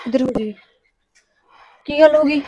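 An actress with a Punjabi accent playing an earnest, kind-hearted young daughter-in-law who talks back at home and consoles a stranger. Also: female voice, sits high, normal speed, dark tone, no echo, highs cut off, natural voice. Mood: consoling. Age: young adult. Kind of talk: village family drama acting.

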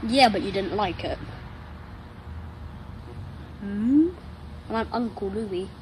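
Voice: medium pitch, takes it slowly, a little mellow. A nine-year-old child chatting casually and playfully to a pet dog, rambling affectionately, recorded outdoors. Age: child, nine years old. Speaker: young vlogger talking to a pet dog. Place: outdoors on a patio chair. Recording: noisy outdoor ambience.

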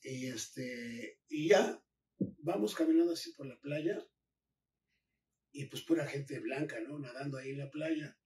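An older man with a Mexican accent, a retired wrestler guest, telling lively anecdotes and acting out quoted dialogue. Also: medium pitch, unhurried, recorded from a distance, slight background noise. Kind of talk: casual storytelling.

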